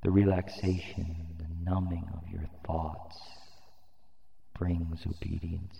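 A man leading a slow hypnosis induction in a soft, soothing voice with drawn-out phrasing. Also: low-pitched, monotone, gravelly, a little hiss or hum. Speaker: hypnosis narrator. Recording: roomy, long reverb, dull lo-fi sound.

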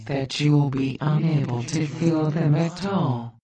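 A woman leading a guided relaxation hypnosis in a soothing, deliberate manner with long pauses. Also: deep voice, a crowd in the background. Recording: roomy, distant, hissy background noise.

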